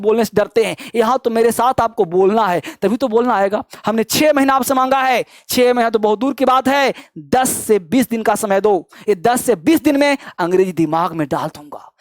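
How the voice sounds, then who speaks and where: A man's voice: sits high, no echo, clean studio sound. A man teaching a spoken English lesson, urging learners on and drilling example sentences in rhythmic repetition. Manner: slows to a deliberate, syllable-by-syllable pace when modelling sentences. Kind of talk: energetic online grammar lesson with call-and-response drills.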